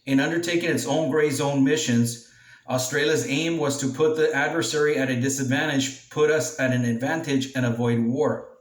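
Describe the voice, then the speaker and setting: A man reading a news article aloud as a commentator, halting now and then as he stumbles over words. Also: mid-range voice, steady tone. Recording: echoey room, distant from mic.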